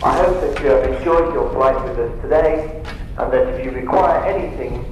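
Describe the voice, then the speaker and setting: An actor playing an airline captain, making a formal, measured announcement over the aircraft intercom. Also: male voice, mid-range voice. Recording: echoey, noisy cabin intercom.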